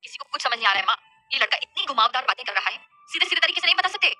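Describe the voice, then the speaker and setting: A woman's voice: high-pitched, big pitch swings, rapid-fire, bright, forceful tone, soft background music, heavily acted. A woman voicing an irritated middle-aged father. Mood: exasperated.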